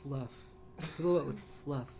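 A man co-hosting a comedy podcast, playfully improvising a spooky, silly story in a hushed narrator voice. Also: medium pitch, slow pace, gravelly, a little hiss or hum. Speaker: podcast co-host.

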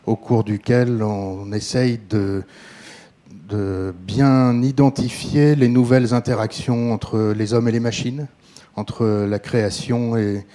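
Low, mellow-voiced male organizer. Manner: hesitant with fillers. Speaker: festival organizer. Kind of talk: welcome speech.

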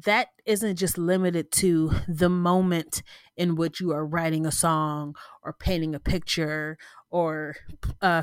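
On her solo podcast, a woman with a smooth, lowish voice talks casually into a close mic, sounding stuffy and sniffly. She rambles, restarts herself, and tosses in "right?" asides, all captured in a dry, clean studio recording.

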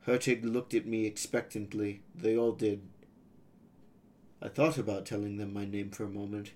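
Male narrator for a fantasy serial; steady, even first-person storytelling. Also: fairly low pitch, normal speed, slight background noise.

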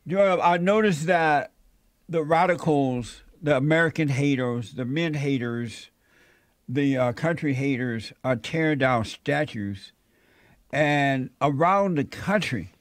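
A man hosting a casual talk show, asking slow, drawn-out questions between jokes. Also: fairly high pitch, no echo, studio quality. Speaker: host.

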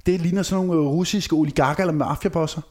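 Fussy, insistent man, slightly high voice. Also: steady tone, darkish tone. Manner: insistent, detail-focused, disgusted tone. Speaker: podcast co-host. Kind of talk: casual chat reviewing a TV series.

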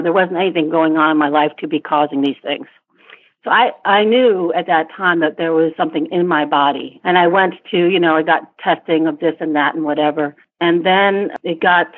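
A woman's voice: lowish voice, slightly rough. A middle-aged woman, born in Vietnam and raised in Asia and Africa, answering interview questions thoughtfully, with restarts and small laughs. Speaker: interview guest. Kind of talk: casual interview over a phone line. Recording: tinny phone line.

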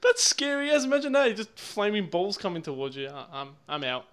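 A young man co-hosting a casual comedy podcast, excitable and swearing freely. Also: high voice, fairly quick. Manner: excitable, swears and laughs often. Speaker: podcast co-host.

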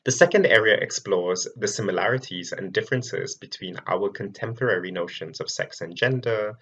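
A man from Malaysia, a researcher giving a prepared public talk, telling his story in a measured way with clear emphasis. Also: on the low side, fairly bright tone, highs cut off.

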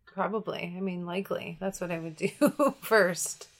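A young woman as a guest in a casual conversation, relaxed and laconic, often answering with short agreements. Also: lowish voice, moderate pace. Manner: relaxed, laconic, lots of mm-hmms.

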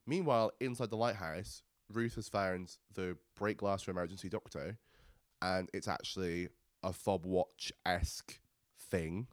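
A man's voice: sits low, fairly even intonation, unhurried, no echo, clean studio sound. A man co-hosting a podcast, chattily recapping a TV episode and laughing often. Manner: chatty, laughs often, retells scenes with energy. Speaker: podcast co-host. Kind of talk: casual chat recapping a TV episode.

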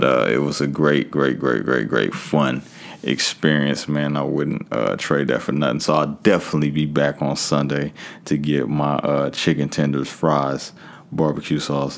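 A man's voice: a bass voice, creaky. A man hosting a podcast solo in a casual, slangy, conversational way, talking straight to his listeners. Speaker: podcast host.

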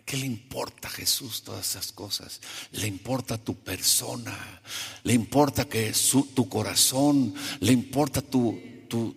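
A male preacher giving a sermon, conversational and animated, who keeps asking the congregation questions. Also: medium pitch, slightly rough. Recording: long reverb of a large hall.

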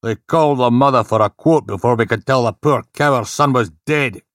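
A man voicing a large, bald police inspector who speaks gruffly and emphatically, full of threats. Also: fairly low pitch, animated, moderate pace, dry recording, clean studio sound. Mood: stern.

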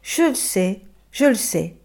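A woman puts on a gentle holy little boy from a Christmas storybook, soft and soothing, speaking slowly. His voice is calm and fairly high.

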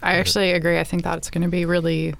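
Woman, lowish voice, gravelly fry, relaxed candid podcast chat, dry sound. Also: fast talker, dry recording. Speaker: podcast guest, game master. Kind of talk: casual panel chat.

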